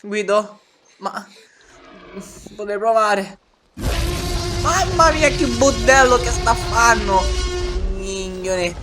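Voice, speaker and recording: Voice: medium pitch, animated, takes it slowly, long pauses. An actor voicing a frantic, foul-mouthed Sicilian in a comic parody dub of a dinosaur film, with a Sicilian accent and an exclamatory, colloquial manner. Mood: panicked. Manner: exclamatory, colloquial, full of wails and swearing. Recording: music running under the voice.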